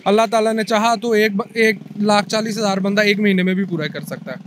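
On a busy city street outdoors, a young food cart owner explains his business earnestly into an interviewer's handheld mic, mixing in English words. His voice is high and steady, a little fast, with slight background noise.

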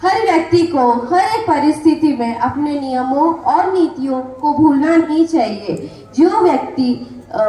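A woman's voice: high voice, darkish tone. A woman giving an earnest, formal moral speech to an audience at a school function. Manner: slow, earnest, formal delivery. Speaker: speaker at a school event. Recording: echoey hall recording.

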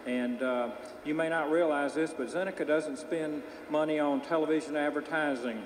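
A middle-aged man giving measured, businesslike remarks as a sponsor's representative being interviewed. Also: a little high, fairly even intonation. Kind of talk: public thank-you remarks in an interview. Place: large indoor arena. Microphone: handheld microphone held out to him. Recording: echoey arena PA, faint noise.

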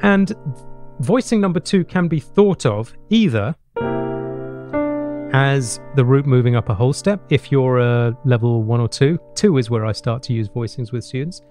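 Speaking at an ordinary pitch, an English jazz piano teacher in middle age works through a lesson with demonstrations, explaining step by step and often adding short questions to check it's clear. The piano comes through clearly with his voice, close-miked on a large boom-arm studio mic in a small home study lined with bookshelves.

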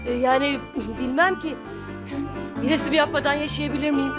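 A woman's voice: high voice, steady tone, normal speed, music in the background, natural voice. An actress playing a playful woman painter who bargains over her art in a TV series scene. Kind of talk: TV series acting.

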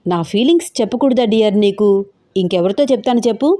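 A woman voicing a quick-tempered young boyfriend. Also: mid-range voice, expressive, dark tone, lightly acted. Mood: teasing. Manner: teasing then snapping, bossy. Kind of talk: audio story character voicing.

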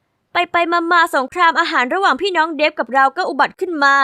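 A woman narrating a first-person animated diary story in a lively, sassy way. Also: extremely high pitch, quick pace, no room sound, studio quality.

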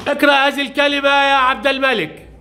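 A male primary teacher runs a reading drill in a classroom, firing off brisk questions and praising each child's answer. His voice sits very high for a man, with a bright, forceful edge. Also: steady tone, creaky, faint music behind. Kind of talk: classroom lesson with young pupils.

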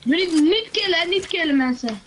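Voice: very high voice, lively intonation, brisk, fairly bright tone, a little hiss or hum. A young Dutch gamer chatting casually with friends in a game voice chat.

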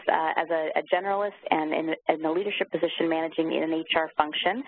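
A woman hosting a webinar, giving an upbeat introduction with many uhs. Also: low-pitched. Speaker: webinar host. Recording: tinny phone line with faint noise.

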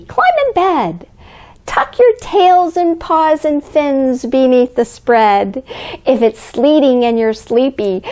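A woman's voice: sits high, mellow, full character voice. A woman playing a cheerful, grandmotherly Mrs. Claus, reading a picture book aloud to young children in an exaggerated, sing-song way. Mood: playful, soothing. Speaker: children's storyteller. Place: living room by a fireplace, indoors.

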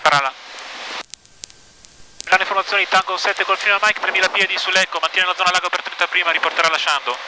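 Fast high-voiced pilot on cockpit headset. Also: male voice, steady tone. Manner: crisp clipped aviation phraseology. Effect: cockpit headset intercom. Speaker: private pilot. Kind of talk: radio calls and checklist. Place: small airplane cockpit. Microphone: aviation headset. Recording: engine noise through headset.

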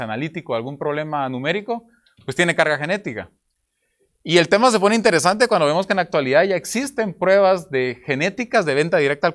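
A man's voice: a little high, a bit bright. A young man from Guatemala with a Guatemalan Spanish accent, presenting at an academic conference panel in an explanatory way, asking rhetorical questions, speaking into a table microphone. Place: conference room with projector slides.

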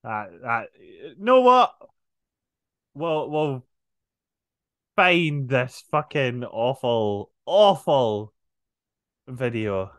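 A man's voice: mid-range voice, very animated, extremely slow, pauses often, a bit bright, smooth, no room sound. A man hosting a podcast, casually reacting to clips with rambling, sweary asides. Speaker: podcast host.

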